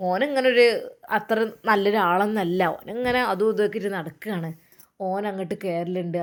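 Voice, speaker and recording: A woman's voice: lowish voice, a little mellow, pitched below the performer's own voice, natural voice. A woman voicing a worried, talkative middle-aged village woman with a Malappuram Malayalam accent, rambling and pleading as she confides in an older relative.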